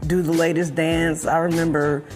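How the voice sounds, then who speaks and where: A woman recalls her years as a dancer, her storytelling lively and animated. A clear music bed plays under her interview, keeping the documentary feel. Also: low-pitched, moderate pace. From Los Angeles, California.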